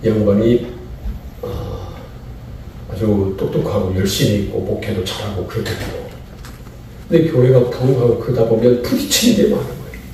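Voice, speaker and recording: Middle-aged pastor from chungcheong preaching, dark voice that swings up and down a lot, big echoey church heard from afar. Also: male voice, lowish voice, moderate pace, recorded from a distance, a little hiss or hum. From Chungcheong, Korea. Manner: animated preaching with repeated key phrases and rhetorical questions. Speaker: guest pastor speaking at a pastors' seminar. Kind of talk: sermon-style lecture. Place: large church sanctuary.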